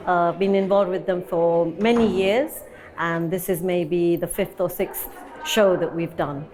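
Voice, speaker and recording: Lower-voiced woman, long-time dancer. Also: fairly even intonation, a little slow, a little mellow. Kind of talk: interview at an event.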